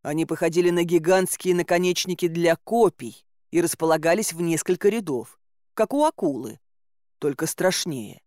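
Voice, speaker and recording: A woman narrating an audiobook in a lively, wry and theatrical manner. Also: on the low side, moderate pace, no room sound, clean studio sound.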